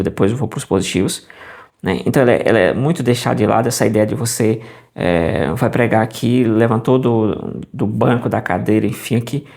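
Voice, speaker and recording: Man, gravelly voice, mid pitch, casual commentary, conversational, frequent restarts. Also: darkish tone. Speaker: commentator on preaching.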